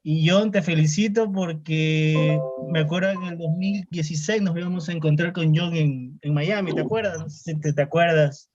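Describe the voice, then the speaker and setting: A man's voice: a little high, moderate pace, hardly any pauses, a little mellow, faint music behind. A talkative man from Ecuador, a neurosurgery resident, chatting politely on a video call. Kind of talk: casual video call chat. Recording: dull lo-fi call audio.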